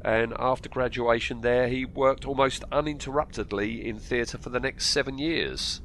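On a low-quality recording with a little background noise, a podcast host who has a cold chats casually about films and reads actor trivia. His congested, bunged-up voice is medium-pitched, steady and fairly bright, moving at a moderate pace as he hesitates, rambles and repeats things.

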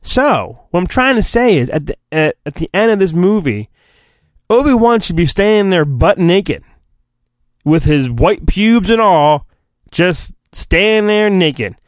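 The clean studio recording, free of room sound, captures a man's high-pitched voice with big swings in pitch and a slightly slow pace. He hosts a podcast and reads a storybook in an over-the-top comedic way, pausing for profane, jokey asides.

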